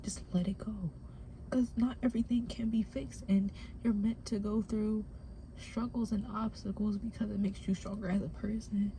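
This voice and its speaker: A young adult woman talking candidly in a casual personal vlog from her parked car, speaking loosely and slipping into hushed, half-whispered asides. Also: medium pitch, slight background noise. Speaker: vlogger.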